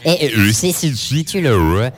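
A man on a casual live radio chat, asking questions in a halting way and repeating his words. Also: medium pitch, sing-song, breathy edge.

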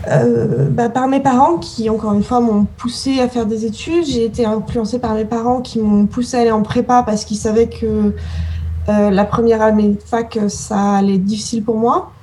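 A woman's voice: fairly high pitch, fairly even intonation, moderate pace, mellow, a little hiss or hum, low-quality recording. A woman in her thirties answering interview questions as a scientist, hesitant and often searching for words. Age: 30s.

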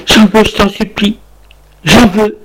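A man voicing a desperate young wife craving her drug, pleading in a raised, shrill voice. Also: fairly even intonation, measured pace, fairly bright tone, breathy edge, heavily acted. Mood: frantic.

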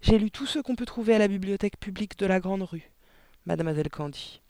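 A man voicing a clever, polite little girl pupil in an audiobook, earnest and matter-of-fact, raising his pitch for her. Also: fast talker, mellow, dry recording, clean studio sound. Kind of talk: audiobook character voice.

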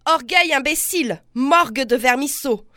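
A furious, blustering colonel husband who hurls scornful insults at his wife, read aloud by a woman. The voice sits fairly high, and the recording is dry and close. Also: animated, moderate pace, pushed and bright, no room sound. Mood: angry. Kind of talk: literary reading aloud.

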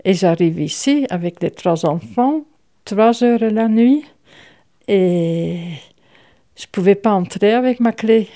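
Old lady telling her story real slow, dark mellow voice, pauses and wry asides. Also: mid-range voice, animated. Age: older. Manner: halting, reminiscing, wry. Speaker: great-grandmother recalling her past. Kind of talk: personal recollection for a documentary.

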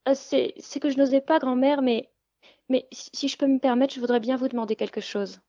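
A woman's voice: sits high, expressive, measured pace, dark tone, muffled recording, pitched above the performer's own voice. A woman doing a timid young girl. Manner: hesitant, stammering, pleading. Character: timid young peasant girl, trembling and polite. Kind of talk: storybook reading.

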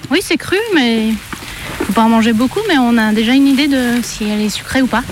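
A woman's voice: on the high side, a little fast. A woman chatting casually and showing things while she works. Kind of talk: casual chat while working. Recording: loud sizzling, clicking background noise.

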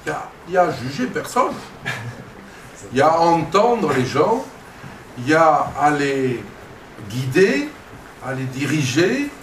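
A man who gives masterclasses as a voice coach speaks slowly and emphatically in a public conversation. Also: a little high. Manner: slow, emphatic, lively intonation. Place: conference hall. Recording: echoey hall, distant mic, faint noise.

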